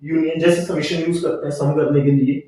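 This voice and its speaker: A male maths teacher explains a lesson step by step. He asks questions, answers them himself, and reads the question text slowly, word by word. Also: a little high, steady tone, warm tone, distant mic, slight background noise. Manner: asks questions then answers them himself, mixing English terms into Hindi. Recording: echoey room, voice off-mic.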